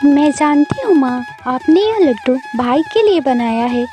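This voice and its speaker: A woman voicing a sad, gentle young girl in a cartoon story, talking in a soft, pleading way. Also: high-pitched, expressive, a little slow, music in the background.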